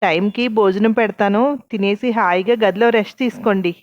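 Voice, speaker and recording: A woman voicing a scheming woman boss in a storybook reading, with a calm, taunting manner. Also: medium pitch, brisk, muffled recording, close to an everyday voice.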